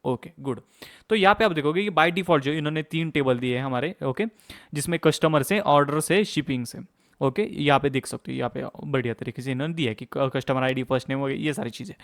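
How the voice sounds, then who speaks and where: A young man teaching a course over a screen share, talking fast in a casual way and checking in often with "okay". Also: medium pitch. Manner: fast-talking, mixes English terms into Hindi, frequent "okay, theek hai" check-ins. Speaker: course instructor.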